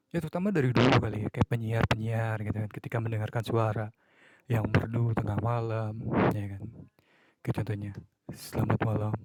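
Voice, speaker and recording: A man's voice: medium pitch, a little mellow, dry recording, rough recording. A man talking casually on his own podcast, musing and acting out examples of moods and a late-night radio host. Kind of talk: casual solo talk.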